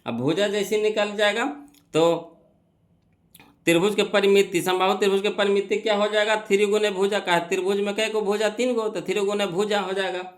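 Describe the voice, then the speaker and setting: A man's voice: sits high, little pitch movement, brisk. A young man teaching an exam-prep math lesson, working through problems step by step, asking and answering his own questions and repeating key phrases.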